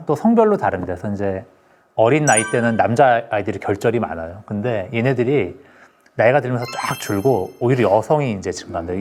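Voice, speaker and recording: Male doctor panelist, fast brisk delivery, research-minded explainer. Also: medium pitch, darkish tone. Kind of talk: panel discussion.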